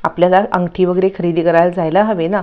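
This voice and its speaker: A woman's voice: lowish voice, fairly even intonation, fast, phone-quality sound, natural voice. A woman voicing a fond middle-aged mother coaxing her daughter affectionately, in a TV serial recap.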